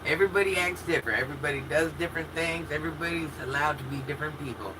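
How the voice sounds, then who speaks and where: A woman in her fifties hosts a relaxed livestream, chatting openly with her viewers and reacting to their comments. She talks candidly and laughs easily. A steady air-conditioning hum runs under her voice. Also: low-pitched, rapid-fire. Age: 50s. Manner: chatty and candid, talks straight to chat with frequent laughs and restarts. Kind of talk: casual chat.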